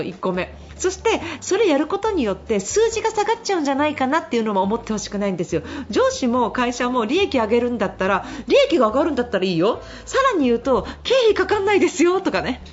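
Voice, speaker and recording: High, lively middle-aged woman radio host. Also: fast. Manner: chatty, laughs often, animated storytelling. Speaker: radio host and business consultant. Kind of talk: casual radio advice talk. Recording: slightly dull radio broadcast.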